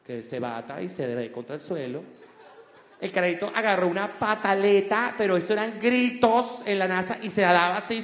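A man doing stand-up comedy, animated and full of crude slang, acting out quotes. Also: high voice. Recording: roomy theater reverb with faint noise.

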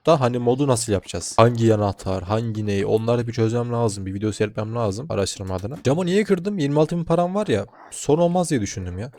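A man's voice: mid-range voice, fast, few pauses, warm tone, a little hiss or hum. A man giving casual let's-play commentary as a gaming channel host, chatty, talking straight to his viewers and swearing freely.

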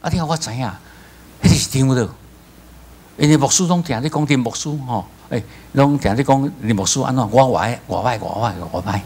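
A male pastor with a Taiwanese accent preaching a sermon, telling stories with lively acted-out voices. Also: medium pitch, fairly quick, husky. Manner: animated storytelling, acts out voices, laughs.

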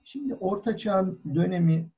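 A man who is a cultural historian giving a formal online talk, deliberate and full of hesitant fillers, heard over call audio. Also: high voice, warm tone, slightly rough, highs cut off. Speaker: guest lecturer, cultural historian. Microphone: video call.

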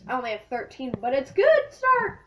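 Young girl co-host, high and bouncy pitch, dramatic squeals, casual vlog. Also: sing-song, a little fast, pushed and bright, slight background noise. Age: child. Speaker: co-host vlogger. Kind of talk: casual jelly bean challenge chat.

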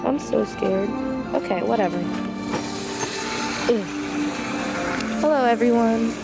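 A young woman chats her way through a big supermarket aisle, recorded on a handheld camera. She is talkative and quick to be grossed out. Music plays clearly in the background. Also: on the high side. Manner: chatty, easily grossed out. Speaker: vlogger. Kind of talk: casual vlog chat. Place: large supermarket, indoors.

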